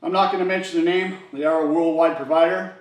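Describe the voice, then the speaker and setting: A man's voice: fairly high pitch, fairly even intonation, fast talker. A man hosting his garage channel, casually telling a story to camera and acting out the other people's lines in quoted voices. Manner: chatty, acts out dialogue in quoted voices. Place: garage workshop. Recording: echoey room, from a distance.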